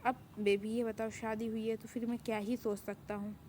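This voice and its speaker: A woman's voice: fairly high pitch, level tone, moderate pace, darkish tone, slight background noise, natural voice. A woman voicing a possessive young mafia man. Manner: possessive, domineering. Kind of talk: storytelling with acted dialogue.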